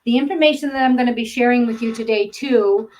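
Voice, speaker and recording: An older woman from northern Maine with a Boston accent teaches a grant-writing webinar, chatting along with plenty of ums and uhs. Her voice is fairly high and darkish in tone, and she talks fast into a webinar microphone.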